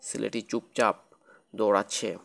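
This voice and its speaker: A man's voice: on the low side, little pitch movement, normal speed, gravelly, faint music behind. A man narrating a children's cartoon ghost story in a plain, repetitive storytelling manner.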